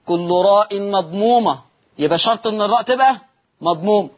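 A middle-aged man with an Egyptian accent teaches a televised lesson on Quran recitation. His voice sits high and carries a husky edge. He quizzes his listeners, answers his own questions, and draws the recited words out slowly. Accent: Egyptian Arabic. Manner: asks students questions and answers them himself, drawn-out quoted recitations.

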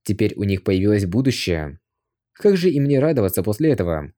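A man reading an audiobook aloud as scripted narration, expressive, lifting his voice for shouted lines. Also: lowish voice, a little fast.

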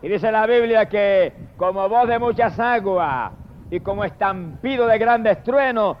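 A man with a Puerto Rican accent preaching a fiery sermon, shouting long hallelujahs and then dropping to murmured prayers. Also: sits high, a little slow, a little hiss or hum. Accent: Puerto Rican Spanish. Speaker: evangelist preacher. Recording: dull lo-fi sermon recording.

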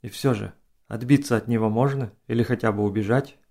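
A man's voice: medium pitch, fairly quick, creaky, dark tone. A man reading as a composed, commanding princess. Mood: hushed. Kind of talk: audiobook reading.

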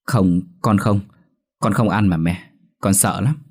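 A man's voice: deep voice, a little slow, darkish tone. A man voicing a frightened little boy who stammers and speaks timidly. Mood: scared.

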